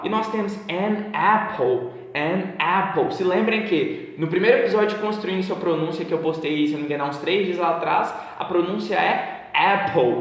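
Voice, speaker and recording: Man from Brazil, English teacher, slightly high voice, patient repeated examples, very echoey room with long reverb. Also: fairly bright tone. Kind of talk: casual online English lesson.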